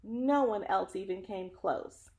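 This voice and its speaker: A woman with a mid-range, slightly mellow voice reads a picture book aloud at a slow pace. She performs it expressively and dramatically, breaking off for chatty asides aimed straight at her listeners.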